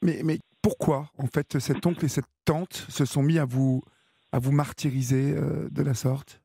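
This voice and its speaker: Gravelly, husky male radio host. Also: a little high, steady tone, a little slow. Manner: gentle, attentive questioning. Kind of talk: late-night call-in radio.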